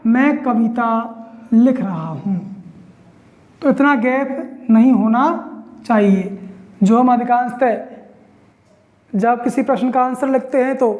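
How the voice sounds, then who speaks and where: Lady teacher, high voice, online grammar class, asks then answers herself. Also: a little mellow. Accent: Hindi. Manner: explains step by step, asks and answers own questions.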